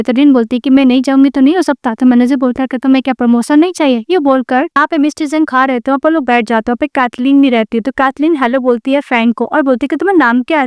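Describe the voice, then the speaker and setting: A woman retelling a drama's plot in a fast, steady storytelling voice, mixing in many English words. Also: sits high, smooth, no room sound. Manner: rapid, even storytelling with many English loanwords. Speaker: drama recap narrator.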